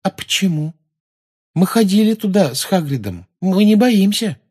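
A man reading an audiobook voices an eager, timid schoolgirl who asks excitable, breathless questions. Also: high voice, moderate pace, slightly rough, voice pushed up. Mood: excited. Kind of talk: audiobook character voice.

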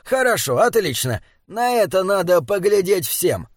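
A man reading an audiobook, voicing a calm, curious male writer who explains things in a measured, insistent way. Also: a little high, dry recording, clean studio sound, natural voice. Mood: eager. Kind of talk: audiobook character dialogue.

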